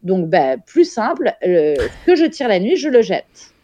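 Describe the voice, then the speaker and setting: A woman's voice: mid-range voice, sing-song, unhurried, mellow, muffled recording. A woman in her thirties, a podcast guest, telling a personal story frankly and vividly, with casual swearing.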